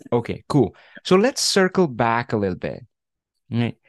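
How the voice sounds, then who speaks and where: A man runs an online coaching session in a loose, casual way, leaning on fillers and checking in with "right?" as he goes. His voice sits at an ordinary middle pitch. The sound is dry and close, with no room echo. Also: big pitch swings, unhurried. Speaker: career coach. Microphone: video call.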